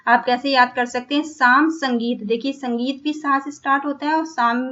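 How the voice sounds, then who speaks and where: High-voiced woman teaching exam prep. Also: fairly even intonation, normal speed, a bit bright. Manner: repetitive, checks in with "ठीक है", asks and answers her own questions. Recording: dull lo-fi recording.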